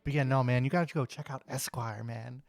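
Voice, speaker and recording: A man's voice: medium pitch, steady tone, brisk, vocal fry, no room sound, faint music behind. A man voicing a crude, laid-back henchman in a tabletop game, drawling and cursing casually. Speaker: game master.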